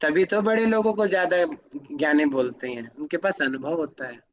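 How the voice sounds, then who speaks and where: A man teaches an online lesson, walking through everyday examples. He keeps stopping to put questions to his students. His voice sits high for a man. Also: moderate pace, lo-fi sound, slight background noise. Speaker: yoga academy teacher. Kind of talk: online class lecture.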